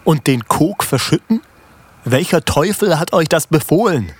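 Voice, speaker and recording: A man voicing a furious dike reeve on horseback who shouts stern orders. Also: medium pitch, unhurried, pitched above the performer's own voice, natural voice.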